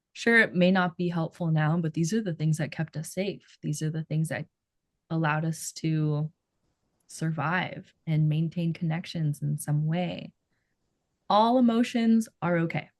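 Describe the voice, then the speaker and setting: Slow-speaking Filipino-accented woman therapist. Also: lowish voice, dry recording, studio quality. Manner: thoughtful, gentle, searching for words. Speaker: therapist, podcast co-host. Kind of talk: casual podcast chat.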